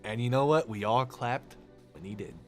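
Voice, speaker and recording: A man ranting on a live game stream, animated, sarcastic and full of swearing. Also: mid-range voice, moderate pace, soft background music. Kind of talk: casual live-stream rant.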